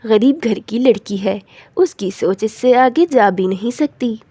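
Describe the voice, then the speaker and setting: A woman's voice: a little high, animated, measured pace, dark tone, dry recording, pitched below the performer's own voice. A woman voicing a rude, scornful young daughter-in-law in a cartoon story, talking harshly. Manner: harsh and insulting.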